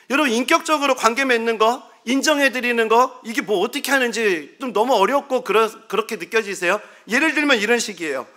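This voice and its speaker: High, bright-voiced male pastor. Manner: humorous, self-deprecating storytelling. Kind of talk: sermon.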